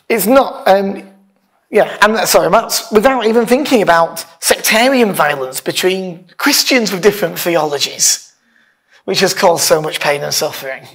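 A pastor, male, preaches informally from a church hall stage lectern, conversational in tone, partly reading aloud and hitting emphatic stresses. His voice is high-pitched and a bit bright.

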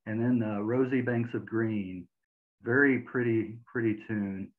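A man's voice: lowish voice, fairly even intonation, a little slow. A man hosting a video-call interview from a home room, asking friendly, hesitant questions with repeated words. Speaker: interviewer host. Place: home room with record shelves. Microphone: video call webcam mic. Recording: tinny phone-like video call audio.

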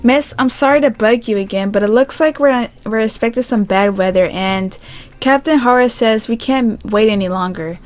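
Woman reading the lines of a flight attendant in a story game, polite and apologetic. The voice is soft and courteous. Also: fairly high pitch, moderate pace, natural voice.

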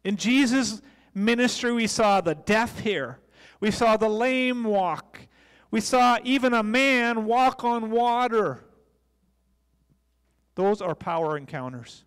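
A middle-aged American pastor preaches a sermon into a handheld microphone on the stage of a large indoor church. His voice is high, clear and resonant with a fairly bright tone, and he takes his time. A long, echoey hall reverb fills the recording.

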